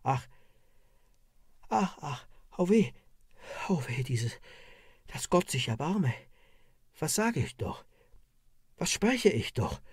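A man's voice: on the high side, sing-song, slow pace, long pauses, breathy edge, dry recording, studio quality, exaggerated voice. A man voicing a woman accused of witchcraft under torture, crying out and pleading in a wailing voice. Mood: pleading in pain.

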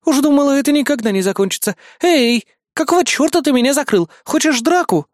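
A man voicing a cheeky, combative young female AI assistant in an audiobook, in a high excitable voice. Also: brisk, dry recording, studio quality. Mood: indignant.

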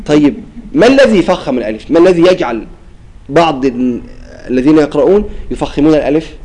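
A man's voice: fairly high pitch, animated, fast talker, warm tone, low-quality recording. A man teaching a class on Quran recitation rules, explaining and demonstrating pronunciations and often checking with the students. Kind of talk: classroom lesson on tajweed.

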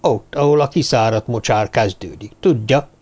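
A man's voice: mid-range voice, a little mellow, breathy edge, natural voice. A man voicing a simple, talkative shepherd who speaks in plain, matter-of-fact statements, in a storybook reading.

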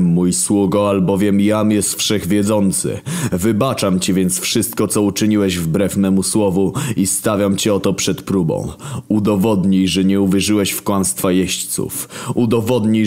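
A man voicing an almighty, wrathful male creator god who speaks slowly and solemnly. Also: fairly even intonation, a little mellow. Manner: slow, booming and solemn.

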